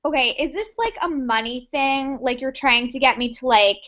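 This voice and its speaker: A woman plays a stubborn, indignant army commander with a high, sharp voice. The delivery is argumentative and exasperated improv comedy, caught on a slightly dull recording. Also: moderate pace. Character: indignant, stubborn army commander who sees only green.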